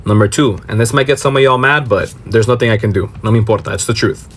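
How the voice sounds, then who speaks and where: A man from Miami, Florida, with an American accent and a lowish voice talks fast in a social media reaction video. He gives emphatic, explanatory political commentary to camera, posing questions and then answering them himself.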